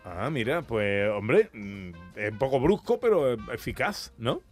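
A man's voice: mid-range voice, faint music behind. A man hosting a radio chat who prods his co-host with questions and laughs easily. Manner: lively, quick to laugh and prod with questions.

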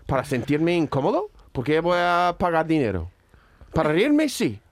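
A high-pitched man talks in a casual panel chat. He stumbles and repeats words and pokes fun at himself. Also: very animated. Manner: halting, self-deprecating, repeats words. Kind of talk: casual group chat in Spanish.

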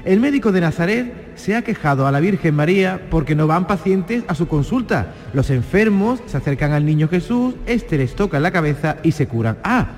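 A man's voice: a little high, sing-song, moderate pace, few pauses, darkish tone, big-room sound, faint music behind. A man narrating a radio comedy sketch in a mock-serious storyteller manner.

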